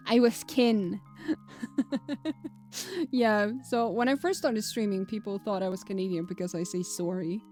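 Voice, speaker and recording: Faint music runs beneath a woman's mid-range, darkish voice as she streams, her intonation fairly even, her pace measured and her pauses long. Swedish is her first language, heard in a light accent, and she chats casually, rambling, fumbling words and laughing often.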